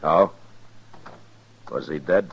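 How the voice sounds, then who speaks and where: An American actor playing a steady, determined frontier marshal in a 1950s radio western. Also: male voice, extremely low pitch, slow, creaky, husky, full character voice. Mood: alert, measured. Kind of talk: 1950s radio drama acting. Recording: muffled, noisy 1950s radio recording.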